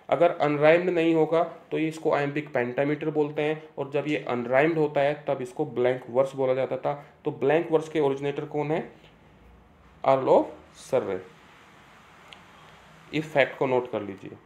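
Man teaching literature, slow and repetitive. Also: a little high, darkish tone. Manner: reads English lines slowly, then repeats key terms; asks and answers his own questions. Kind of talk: exam-prep lecture, reading English text then explaining in Hindi.

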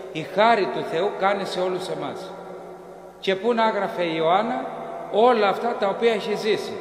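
Greek priest preaching in an echoey church. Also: male voice, fairly high pitch, a little hiss or hum. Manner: animated storytelling, acting out dialogue. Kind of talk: sermon. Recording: echoey church with long reverb.

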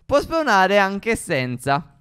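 A man with a fairly high, smooth and resonant voice gives casual gameplay commentary, patiently explaining each step. His delivery is animated, rising and falling as he checks in with his co-player. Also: slow pace. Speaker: co-host of a gaming channel.

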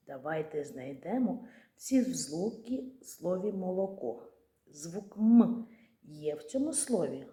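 A woman teaching young children a speech lesson, patient and slow, drawing out and chanting words syllable by syllable. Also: fairly low pitch, warm tone, echoey room.

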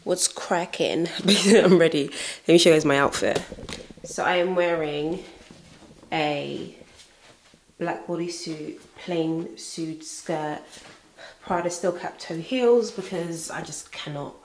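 Speaking low and slowly, this young woman keeps up a chatty, teasing vlog conversation full of laughs, first in her car and then in a bedroom. There's slight background noise.

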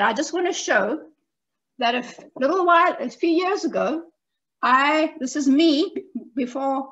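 A woman who writes children's books talks to young listeners in a gentle, simple, expressive way, like a teacher. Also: high voice, highs cut off. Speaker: children's book author. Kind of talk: talk to children.

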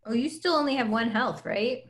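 A woman's voice: a little high, normal speed, noisy background. Attentive woman keeping track of a board game. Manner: attentive, teasing, keeps track. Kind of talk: casual game chat.

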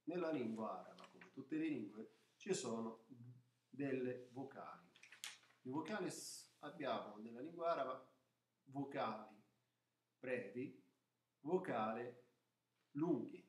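Male language teacher, unhurried and patient, checking in often; roomy recording with mic at a distance. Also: medium pitch, expressive. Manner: repeats "ok?" to check understanding, some false starts. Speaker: Arabic teacher. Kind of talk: informal lesson explaining the alphabet. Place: room, writing on paper at a table. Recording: echoey room, voice somewhat far from mic.

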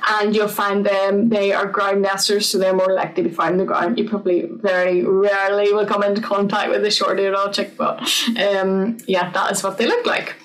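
A woman's voice: mid-range voice, flat delivery, normal speed, distant mic, rough recording. Chatty woman presenting. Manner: chatty, filler-heavy, friendly explaining. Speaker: conservation officer giving an online talk. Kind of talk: informal online presentation.

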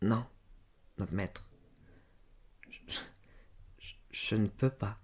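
A man's voice: on the low side, extremely slow, a little mellow, breathy edge, heavily acted. A man doing a stammering frightened farm girl. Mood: faint pleading. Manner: stammering, pleading. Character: frightened young female farm servant.

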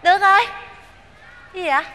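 An actress playing a pleading young country sweetheart with a Southern Vietnamese accent, coaxing and chatty. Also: female voice, extremely high pitch, a little fast, pushed and bright, slight background noise.

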